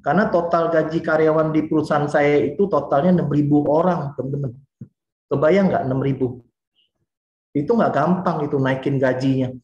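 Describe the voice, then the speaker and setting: A man in his forties from Indonesia gives a chatty motivational talk and keeps speaking straight to his audience. His voice sits a little high for a man. The recording sounds dull and muffled, with plenty of room echo. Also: fairly quick. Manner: lively and chatty, often addresses the listeners directly.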